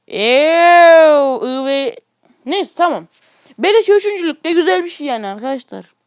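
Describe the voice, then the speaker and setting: High-voiced excitable male gameplay commentator. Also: a little slow, no room sound, clean studio sound. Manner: excitable, grumbling at the game, chatty asides to viewers. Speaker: gaming YouTuber. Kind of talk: casual mobile gameplay commentary.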